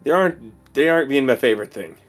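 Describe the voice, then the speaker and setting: A man chatting casually as a tabletop game player, quick and agreeable. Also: medium pitch, lively intonation, soft background music.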